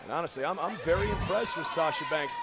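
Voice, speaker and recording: A man's voice: a little high, quick pace. A man giving opinionated, emphatic color analysis as a wrestling commentator. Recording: loud crowd and arena noise. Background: noisy arena crowd.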